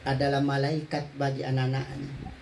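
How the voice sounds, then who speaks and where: A man's voice: medium pitch, monotone, normal speed, a little mellow, a little hiss or hum, poor audio. A man giving a condolence sermon, telling stories with humor and slipping into local words. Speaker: preacher.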